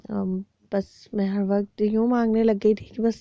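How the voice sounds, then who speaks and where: A woman from Pakistan, giving a soft, reflective personal testimony and pausing often with fillers. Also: medium pitch, flat delivery, highs cut off, a little hiss or hum. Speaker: cancer survivor sharing her story.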